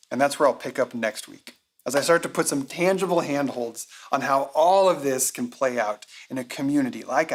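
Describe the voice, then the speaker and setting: A man, a pastor, brings his sermon to a close. He speaks in a measured, reflective way, and his voice sits right in the middle of the range. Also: mid-range voice. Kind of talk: sermon closing.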